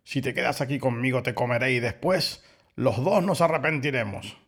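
A cranky old wolf played by a man grumbles with exasperated sighs through a gravelly voice. Hungry and put-upon, he frets and blusters in a storybook reading. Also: mid-range voice, normal speed, fairly bright tone. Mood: shouting.

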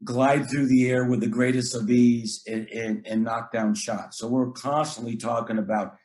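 A man's voice: medium pitch, steady tone, moderate pace, a little mellow. Earnest middle-aged male basketball coach. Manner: earnest, repeats words, acts out talks with players. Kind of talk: casual podcast chat.

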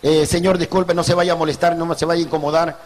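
A man's voice: on the high side, little pitch movement, fast, big-room sound, pitched below the performer's own voice, close to an everyday voice. A man playing a nervous, overly polite young suitor. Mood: pleading. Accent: Peruvian Spanish. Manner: overly formal, pleading.

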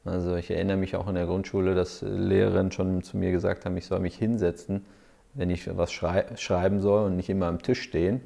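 Berliner in his forties, low gravelly voice, easygoing interview guest. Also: fairly quick. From Berlin, Germany. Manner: relaxed, many fillers, laughs while telling stories. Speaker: podcast guest, startup founder. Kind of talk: casual interview storytelling.

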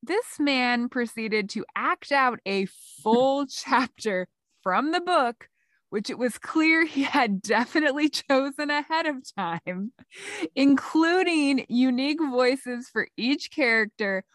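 A woman's voice: high-pitched, expressive, slow pace, a bit bright, dry recording, clean studio sound. A woman co-hosting a podcast, chatting casually and laughing often as she tells and reads out stories. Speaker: podcast co-host. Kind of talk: casual chat.

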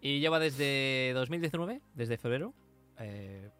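Bright-voiced man hosting podcast. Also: medium pitch, lively intonation, unhurried, clear, resonant tone, soft background music. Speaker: podcast host. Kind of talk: casual anime podcast chat.

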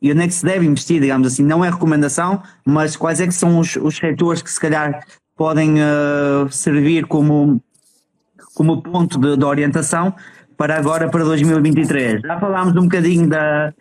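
A man with a European Portuguese accent hosting a casual chat in an informal, slangy, halting way. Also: on the high side, fairly even intonation, a little mellow. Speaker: host.

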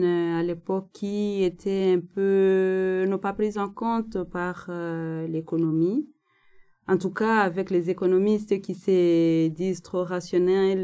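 A woman in her thirties from the Congo, explaining her research in a thoughtful way with frequent pauses. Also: fairly low pitch, mellow. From Democratic Republic of the Congo, North Kivu. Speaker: guest researcher. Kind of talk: interview, personal account.

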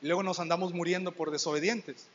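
A man's voice: high-pitched, fairly even intonation, fast talker, slight background noise. A young man preaching a conversational sermon, acting out quoted dialogues as he goes. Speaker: youth preacher. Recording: dull sound with long hall reverb.

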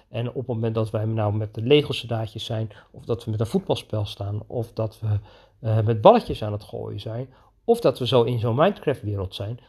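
A man with a faintly husky voice talks through a podcast episode about his coaching work with children. His delivery is eager and lively, full of enthusiasm for the story he is telling. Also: medium pitch. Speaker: children's coach with own practice. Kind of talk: podcast monologue.

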